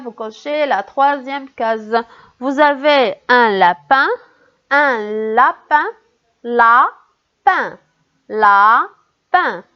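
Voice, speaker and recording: Slow, high-voiced teacher for young children. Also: female voice, highs cut off. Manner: slow, careful, repeating each word for young pupils. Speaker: primary school teacher. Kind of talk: recorded reading lesson for children.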